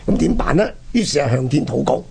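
A Hong Kong-accented man hosts a radio history programme, animatedly telling stories in colloquial style and posing rhetorical questions. His mid-range voice is expressive, fast, warm, and creaky with a breathy edge.

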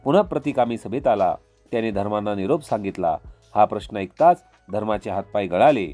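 A man narrating an epic tale in a measured, dramatic reading. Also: fairly low pitch, lively intonation. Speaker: storyteller. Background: soft instrumental music.

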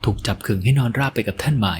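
A man's voice: racing, slight background noise. A man narrating an audio novel in a dramatic storytelling manner. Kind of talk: scripted narration.

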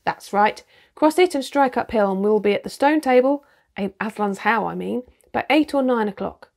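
A woman's voice: a little high, normal speed, creaky. A woman reading the lines of a cocky, teasing younger brother in a storybook, with a breezy, confident manner.

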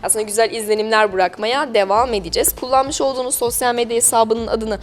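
A woman with a fairly high, evenly pitched voice talks quickly as she hosts a local TV interview with business owners. Her presenting style is chatty, polite and wordy. Music plays behind her, and there is a little background noise.

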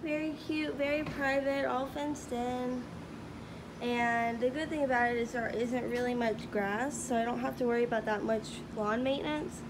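A young woman in her twenties with a slightly high voice chats upbeat as she walks through a bare apartment with a phone camera. The empty rooms ring with echo, and a faint hiss sits underneath. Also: steady tone, normal speed. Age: 20s. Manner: chatty, upbeat, says "cute little" a lot. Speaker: vlogger. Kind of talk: casual house-tour vlog. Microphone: handheld phone camera.

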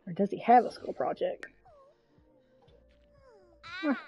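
A woman's voice: fairly high pitch, sing-song, takes it slowly, mellow, breathy edge, highs cut off, soft background music. A woman streaming a game, chatting casually and coaxing her game characters, with mild swearing. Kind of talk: casual gameplay commentary.

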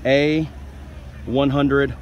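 A man's voice: mid-range voice, little pitch movement, very slow, muffled recording, a little hiss or hum. A young man narrating a school news video as a scripted voice-over, reading instructions plainly and steadily. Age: young adult.

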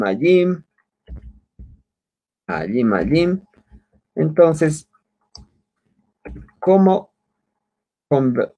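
Slow-paced man teaching over a video call. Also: on the high side, darkish tone. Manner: patient, repeats words slowly for learners. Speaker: language teacher. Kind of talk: online class teaching.

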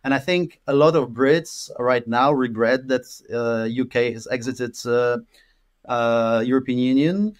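A Polish man in his thirties, speaking a little slowly in a mid-range voice, is a guest on a casual interview over a video call. He rambles, full of fillers and repeated words. He's in a room at home with an orange wall.

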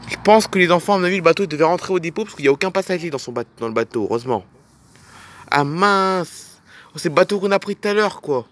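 A man's voice: sits high, animated, quick pace, a bit bright. A man narrating a playful toy film as a dad, pointing things out to the kids with enthusiasm.

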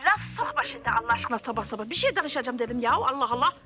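An actress playing a fussing, doting woman who is quick to take offence, in a TV comedy drama. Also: a little high, lively intonation, bright, forceful tone, faint music behind. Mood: exasperated. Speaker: Meryem, an older village woman.

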